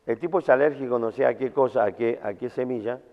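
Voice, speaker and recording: A man's voice: mid-range voice, fast. A man with a Rioplatense accent preaching a camp sermon in a colloquial, storytelling way. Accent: Rioplatense Spanish. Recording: tinny sound in a reverberant hall.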